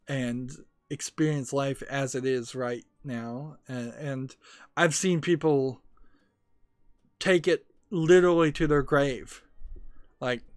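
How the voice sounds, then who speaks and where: A young man streams a card game, rambling through his opinions and reading chat messages aloud with lots of restarts and filler. His medium-pitched voice is smooth, recorded dry at studio quality.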